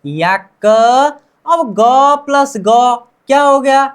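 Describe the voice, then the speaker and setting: A woman's voice: on the high side, expressive, takes it slowly. A woman with an Indian accent teaching Korean pronunciation in Hindi, repeating each word many times and asking her students questions before giving the answer.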